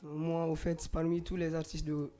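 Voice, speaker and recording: A young man appearing as a singer guest on a talk show. He answers briefly and casually in a slightly high voice. Soft music sits faintly in the background. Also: monotone, moderate pace. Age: young adult. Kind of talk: interview answers.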